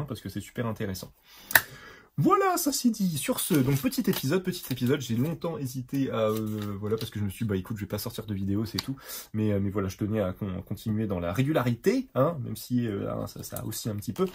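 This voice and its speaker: A tired art supplies reviewer chats casually to camera on his video channel, his low, slightly mellow voice carrying a breathy edge. He rambles, correcting himself, with lots of fillers, restarts, and small digressions.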